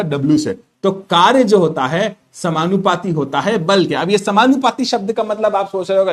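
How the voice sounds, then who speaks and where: A middle-aged man teaching a physics class online, playful and repeating each key point to his students. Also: on the high side.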